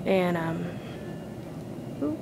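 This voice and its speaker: A vlogger with a fairly low, gravelly voice talks casually to her phone camera while walking laps, speaking extremely slowly yet animatedly and sounding a bit tired. Her chatty personal talk comes with a noisy background.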